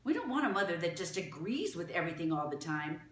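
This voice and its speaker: A woman's voice: on the low side, sing-song, fast, echoey room, recorded from a distance. A woman voicing a flustered middle-aged mother in a storybook reading, fretful and then meekly agreeable.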